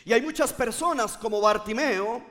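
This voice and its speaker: A man's voice: very high voice, moderate pace, a bit bright, in a large hall, faint music behind. A male pastor preaching a fervent sermon, repeating phrases and urging the congregation to respond. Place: church.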